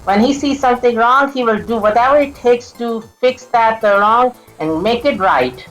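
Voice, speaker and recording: Stumbling woman game commentator, higher voice. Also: moderate pace, a bit bright, faint music behind, low-quality recording. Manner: stuttering, flubs and restarts lines, laughs often. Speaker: gameplay commentator. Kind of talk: casual let's-play commentary.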